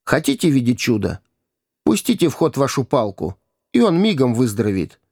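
A man's voice: mid-range voice, very animated, normal speed, darkish tone, no echo, clean studio sound. A man voicing a haughty boy king in a storybook reading, speaking curtly and coldly. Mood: contemptuous. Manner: curt and cold. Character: proud young boy king, scornful, stubborn.

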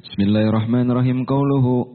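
A man, a student, reading a text aloud in class slowly and carefully. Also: mid-range voice, steady tone. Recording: distant tinny phone-like classroom recording.

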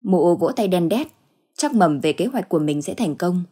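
Storyteller, woman, low husky voice, steady measured ghost-story narration.

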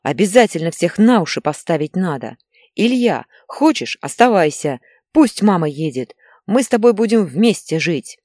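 A woman reading the part of an angry, exhausted husband and father who shouts harshly. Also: on the low side, sing-song, normal speed, no room sound, clean studio sound. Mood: furious.

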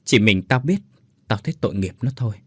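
Guy doing a bossy teary factory woman, husky. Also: fairly low pitch, lively intonation, fast talker, no room sound. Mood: sorrowful. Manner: bossy, scolding, then choked up. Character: blunt tearful female factory worker telling a tale.

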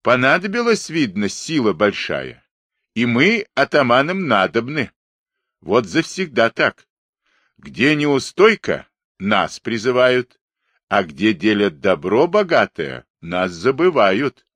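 A man's voice: medium pitch, very animated, takes it slowly, fairly bright tone, dry recording, heavily acted. A man voicing a big, pockmarked, rebellious Cossack who rants with grievance. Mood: aggrieved. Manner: ranting, aggrieved.

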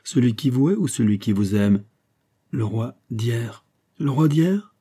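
A cold, scheming churchman , voiced by an audiobook reader, measured and quietly disdainful. The voice is low, dark and husky. He speaks with calm, mocking control. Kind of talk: audiobook character reading.

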